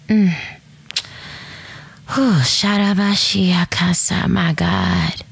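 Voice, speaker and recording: Bright, gravelly-voiced woman preaching on a podcast. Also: medium pitch, no echo. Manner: preachy, emphatic, addresses listeners as sis and baby; laughs and breaks into song snatches. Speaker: podcast host.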